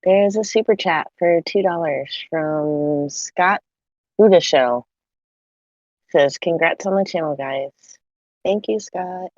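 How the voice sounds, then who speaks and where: Female co-host, slow and low-key, dull lo-fi audio. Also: a little mellow, no room sound. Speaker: co-host reading super chats. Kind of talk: live stream banter. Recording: dull lo-fi sound.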